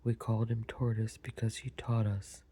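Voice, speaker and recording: A storyteller voicing a sorrowful, touchy male mock turtle in a deep, hollow tone, in a low whisper. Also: level tone, normal speed, mellow, husky. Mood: sulky.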